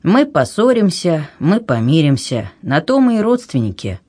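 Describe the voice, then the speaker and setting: A reader voicing a hot-tempered, jovial old king who exclaims loudly and excitably. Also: medium pitch, normal speed, dry recording, clean studio sound.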